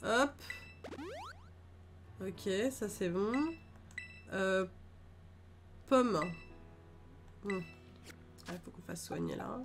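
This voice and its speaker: A woman's voice: mid-range voice, animated, very slow, pauses often. A woman hosting a let's-play video, chatting and thinking aloud in a casual, upbeat way with lots of fillers. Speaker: gaming video host. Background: game music.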